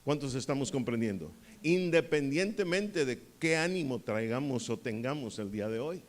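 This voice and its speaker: A man's voice: medium pitch, animated, normal speed. A man preaching a sermon to a church congregation, firing questions at them and stressing key words. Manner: asks the congregation questions and waits for answers; emphatic, rises on key words. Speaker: pastor. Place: church hall.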